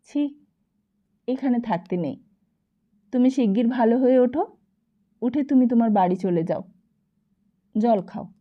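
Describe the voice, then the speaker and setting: A woman's voice: on the high side, expressive, a little slow, pauses often. Woman voicing a tender coaxing wife. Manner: gentle, coaxing, soothing. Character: tender devoted young wife soothing her sick husband. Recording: slightly dull lo-fi recording.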